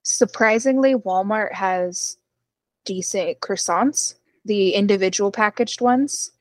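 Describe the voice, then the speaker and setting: A woman guesting on a casual podcast, her voice sitting at an ordinary middle pitch. She chats in a laid-back, easy way. The recording is dry and close. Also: slow pace, no echo. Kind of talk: casual chat.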